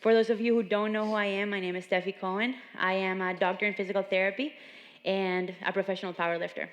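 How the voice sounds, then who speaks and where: A woman's voice: mid-range voice, little pitch movement, quick pace, fairly bright tone. Woman giving a motivational talk in a gym. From Venezuela. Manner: earnest, storytelling. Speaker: seminar speaker. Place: large gym. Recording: long reverb in a gym hall.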